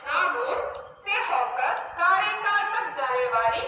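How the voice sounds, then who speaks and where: A woman's high, lively voice making a station loudspeaker announcement, heard from a distance as it echoes through a large hall. Her delivery is slow, formal and measured, every number and stop set apart. The sound is dull and lo-fi with faint noise underneath. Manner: measured, evenly spaced announcing of numbers and stops. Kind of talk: formal recorded train announcement. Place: railway station platform.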